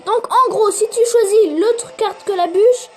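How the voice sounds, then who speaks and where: A woman giving excitable live gameplay commentary, swearing and urging the game on while talking straight to her viewers. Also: very high-pitched, a little slow, faint music behind. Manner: addresses viewers directly. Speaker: gaming video creator.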